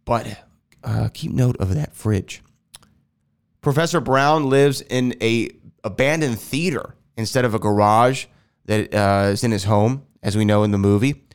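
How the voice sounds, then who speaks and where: Here's a solo podcast host from Houston, Texas, chatting casually in an air-conditioned house. Still shaking off a sinus infection, he sounds nasal, and he wanders and self-corrects as he goes. His voice sits lowish, with a clean tone and a measured pace.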